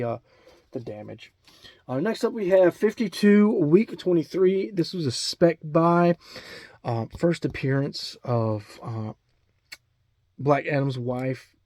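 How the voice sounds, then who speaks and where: A man with an Alabama accent chats casually and loosely, filling his talk with ums, false starts and self-corrections. His voice sits at an ordinary middle pitch. The sound is dry and close, with no room echo. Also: a little mellow. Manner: rambling, many ums and restarts. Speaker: comic book collector showing his collection. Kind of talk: casual video chat.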